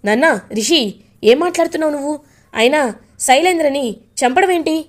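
A woman's voice: sits high, animated, brisk, voice pushed up. A woman voicing a stern, indignant older father figure in a serial recap. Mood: outraged.

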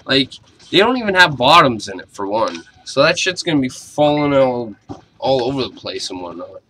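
A man's voice: medium pitch, sing-song, moderate pace, pushed and bright, a little hiss or hum. A young adult man giving a casual video review in a blunt, informal way. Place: small cluttered bedroom, indoors.

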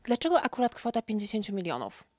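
A woman's voice: mid-range voice, huge pitch swings, quick pace, a little mellow, no echo. Showbiz interviewer girl, chatty long questions, dry no-room sound. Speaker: interviewer, entertainment reporter. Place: indoor studio set on a sofa. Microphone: handheld mic.

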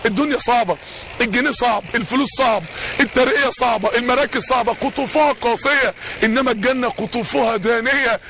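An Egyptian man in his forties preaching an impassioned sermon in an Egyptian accent, rising to shouts as he quotes scripture. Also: very high voice, fast, gravelly, a little hiss or hum. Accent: Egyptian Arabic. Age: 40s. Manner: fervent, rising to shouts when quoting scripture.

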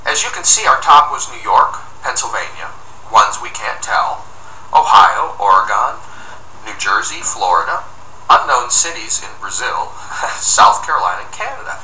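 A middle-aged man walking viewers through software screens step by step, upbeat and explanatory, recorded at a desk in an office. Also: medium pitch, big pitch swings, moderate pace. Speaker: software tutorial presenter. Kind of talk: screencast walkthrough narration. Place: office room indoors, at a desk. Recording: roomy, distant mic with faint noise.

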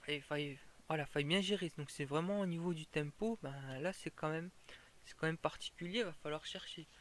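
A man with a slightly higher voice than usual talks through a fire-breathing tutorial. He explains it step by step, casual and informal, often stopping and restarting a sentence. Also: fairly bright tone, slight background noise.

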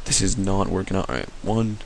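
A man on a headset giving live gameplay commentary, excitable and swearing as he shouts at the game. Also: deep voice, fairly quick, vocal fry, a little hiss or hum. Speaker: gaming video host.

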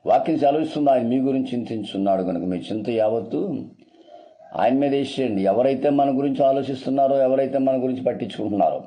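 A man's voice: medium pitch, fast, dull audio. A male pastor preaching a sermon earnestly, repeating phrases and calling his listeners beloved.

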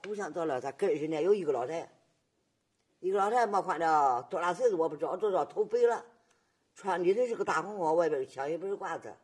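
Husky elderly woman. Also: lowish voice, animated, darkish tone. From Nanjing, China. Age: 80s. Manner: halting, repetitive storytelling with frequent tag questions. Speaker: survivor giving testimony. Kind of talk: oral history testimony.

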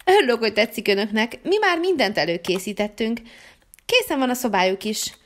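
A welcoming hotel hostess from a toy-figure story, as a woman puts her on. She speaks formally and courteously. Her voice is fairly high and expressive. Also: natural voice.

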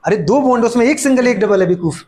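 High-voiced man teaching chemistry, teasing. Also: lively intonation, darkish tone. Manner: playful scolding, voices students' replies; fast repeated catchphrases and rhetorical questions. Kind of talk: classroom lecture.

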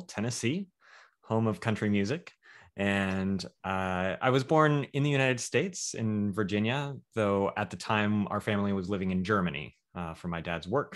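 A man conductor introduces himself in a relaxed, plain way on an online panel. His voice sits low. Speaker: guest conductor.

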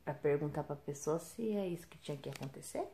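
A woman's voice: sits low, lively intonation, fairly quick, dark tone. A mother with a Brazilian accent filming a casual home vlog, teasing her son and calling out to viewers. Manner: playful, teasing, exclaiming to viewers. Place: home room at night.

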